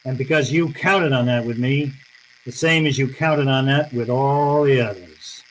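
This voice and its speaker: A man's voice: mid-range voice, measured pace, a little hiss or hum, lightly acted, rough recording. A man playing a cynical, unyielding private detective in an old-time radio drama, with a terse, tough, accusing manner. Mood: bitter, resolute.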